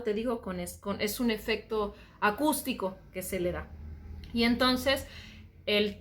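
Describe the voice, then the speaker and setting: A Mexican woman teaching voice, calmly explaining singing technique and often saying "ajá". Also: fairly high pitch.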